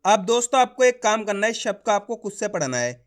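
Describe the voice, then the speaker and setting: A man teaching an online reading lesson, spelling words out slowly syllable by syllable and often checking that the learner follows. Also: high voice, sing-song.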